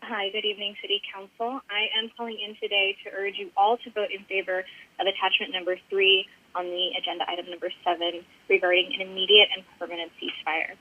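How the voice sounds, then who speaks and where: A woman's voice: medium pitch, flat delivery, fast talker. A woman calling in by phone to a city council meeting, reading a firm, earnest prepared public comment. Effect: heard over a phone line. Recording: muffled phone-line audio.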